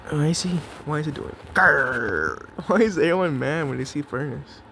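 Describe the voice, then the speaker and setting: Excitable young man narrating his gameplay. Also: fairly high pitch, fast, creaky, slight background noise. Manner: excitable, jokey, talks to himself and the opponent. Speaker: gameplay commentator. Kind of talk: live gameplay commentary.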